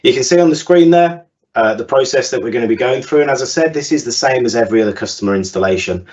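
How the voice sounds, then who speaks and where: A man's voice: mid-range voice, fast, a little mellow. A man hosting a webinar, upbeat and presenting with frequent fillers. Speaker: webinar host. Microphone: video call. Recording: lo-fi webinar call audio.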